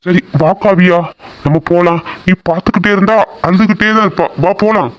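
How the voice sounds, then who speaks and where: A man voicing a young husband in an animated family drama, hurried, alternately coaxing and scolding his crying wife. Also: high-pitched, muffled recording, lightly acted. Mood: impatient coaxing. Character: young husband, impatient and embarrassed.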